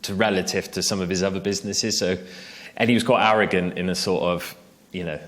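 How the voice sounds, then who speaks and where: A man, a journalist from England, telling a relaxed, self-deprecating anecdote in a stage interview, with lots of fillers and asides. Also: low-pitched, a little fast. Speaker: freelance cycling journalist, interviewee. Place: festival stage interview, indoors.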